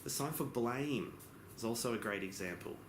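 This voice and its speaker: A man giving a simultaneous interpretation as voice-over for a lesson, explaining in phrases with pauses and occasional self-corrections. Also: mid-range voice, lively intonation. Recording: echoey room with background noise.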